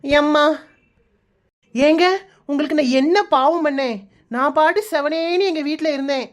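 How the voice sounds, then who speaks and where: High-voiced sulky village wife, kanyakumari tamil accent, cartoon comedy, a woman doing it. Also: normal speed, natural voice. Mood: wailing. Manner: whiny, sulky, nagging. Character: fussy young village wife Malar.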